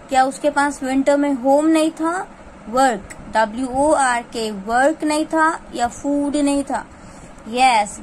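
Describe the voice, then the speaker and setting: A woman teacher with a high voice reads an English lesson for children very slowly. She spells each word out letter by letter and asks questions, mixing Hindi and English, with faint traffic noise behind her. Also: poor audio. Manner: slow, drawn-out reading with spelled-out words.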